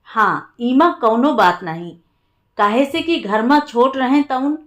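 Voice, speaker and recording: A woman voicing a stubborn young male village servant, speaking rustic dialect in a higher, slow voice. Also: animated, fairly bright tone.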